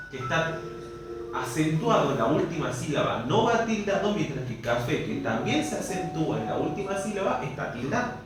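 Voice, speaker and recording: A man's voice: a little high, heavy reverb, recorded from a distance, low-quality recording. A man with an Argentine accent teaching a language class, explaining step by step and often asking the students if they follow. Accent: Argentine Spanish. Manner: explains step by step, checks understanding with frequent questions. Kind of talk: classroom lesson.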